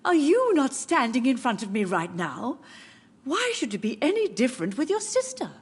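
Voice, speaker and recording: An actress playing a frail, grieving older mother who gently insists the dead still visit her, speaking in a soft, tender, drifting way. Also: sits high, huge pitch swings, moderate pace, husky, exaggerated voice. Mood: tender wistful.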